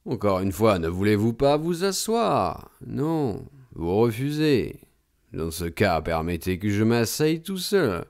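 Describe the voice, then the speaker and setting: Soft-spoken, sardonic male lodger read by a man, deep, slow and velvety for an audiobook. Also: sing-song, full character voice. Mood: smooth mocking. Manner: deliberately soft, smooth and ironic. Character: suave, mocking middle-aged male lodger.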